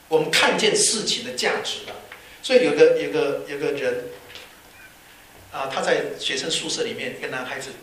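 A man preaching a sermon, telling anecdotes with lively energy and acting out the people in them. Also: on the high side, slight background noise. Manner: lively storyteller who acts out the people in his anecdotes. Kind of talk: sermon with storytelling. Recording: very echoey hall.

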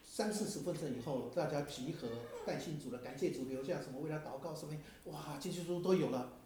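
A man's voice: on the high side, fairly quick, noisy background. A man preaching a sermon, telling stories and asking the audience questions in a conversational way. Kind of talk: sermon with storytelling. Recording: very echoey hall sound.

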